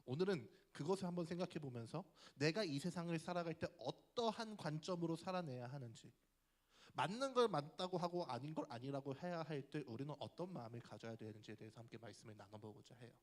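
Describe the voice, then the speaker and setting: A man's voice: fairly high pitch, animated, fast talker. A young man, a youth pastor, giving a casual, chatty sermon and often asking the audience questions. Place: church hall.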